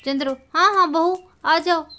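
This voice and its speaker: A bossy older village mother-in-law scolds her daughter-in-law, as a woman acts her out. The storybook voice is very high, with a sharp, bright edge and a tense push. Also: moderate pace, slight background noise. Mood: stern. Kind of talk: storybook voice acting.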